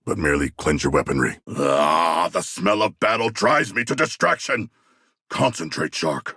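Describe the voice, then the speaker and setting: An actor playing a huge, noble, battle-hungry shark warrior in a video game, speaking in formal, literal-minded, grandiloquent language with a rough gravelly voice. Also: male voice, low voice, fairly bright tone, dry recording, studio quality, full character voice. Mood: polite, deadpan. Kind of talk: video game character voice lines.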